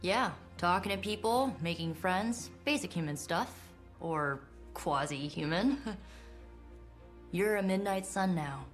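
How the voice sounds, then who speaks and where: A woman's voice: lowish voice, slow pace, soft background music. An actress playing a young, sarcastic but friendly superhero witch in a video game, casual and wry.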